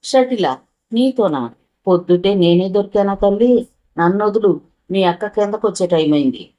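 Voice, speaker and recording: A woman's voice: medium pitch, expressive, moderate pace, dark tone, lightly acted. A woman voicing a young man who works as a driver, evasive and teasing in a dry way. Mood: irritated.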